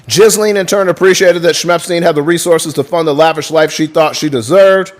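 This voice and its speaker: A man hosting a livestream, reading book passages aloud and breaking off to thank chat viewers, swearing freely in a casual way. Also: a little high. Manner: profane, chatty, thanks viewers mid-reading. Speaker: livestream host.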